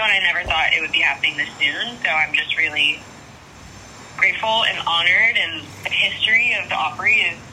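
A woman's voice: fairly low pitch, sharp tone, slight background noise, poor audio. A young woman who is a singer, chatting casually as a guest in an interview and laughing often. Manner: bubbly, laughs often, says like a lot.

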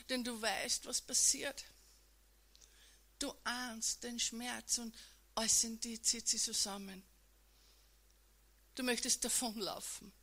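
A woman with a rather high voice gives a dramatic retelling in the second person, swinging between loud, emphatic lines and hushed ones.

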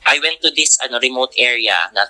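A man chats as a nurse guest on a podcast. His voice is very bright and keen. He talks haltingly with many fillers and breaks into laughter often. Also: medium pitch, lively intonation, rough recording. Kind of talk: casual podcast chat.

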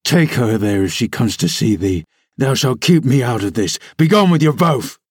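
A man doing a gruff, coarse young man. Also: fairly low pitch, fairly even intonation, measured pace, no room sound, studio quality, voice pushed down. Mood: furious. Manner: gruff, nearly inarticulate with passion. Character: rough, furious young man, surly and coarse.

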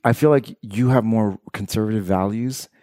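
A man's voice: lowish voice, moderate pace, dark tone, no echo, studio quality. A man hosting a casual interview, asking curious, teasing questions and laughing often. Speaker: podcast host.

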